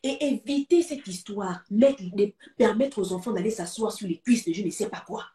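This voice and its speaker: A woman's voice: medium pitch, moderate pace, dark tone, roomy sound, distant mic. A woman with a Gabonese French accent giving advice to parents on a talk show, urging them in emphatic, repetitive exhortations.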